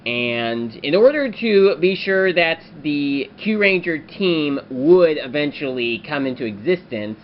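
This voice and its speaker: A man talking through a toy review in a casual, rambling way, often pausing on fillers. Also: mid-range voice, dull audio, a little hiss or hum. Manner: rambling, frequent filler pauses.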